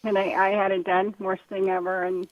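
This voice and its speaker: A woman caller, hoarse and still getting her voice back, chatting casually and rambling with lots of fillers. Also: medium pitch, little pitch movement, moderate pace, dry recording. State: hoarse, recovering voice. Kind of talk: casual call-in chat. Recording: tinny phone line.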